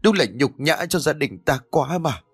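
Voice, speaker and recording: A man's voice: very animated, moderate pace, a bit bright, slightly rough, dry recording, clean studio sound, full character voice. A man doing a wailing older village mother. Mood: weeping. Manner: wailing, shrill.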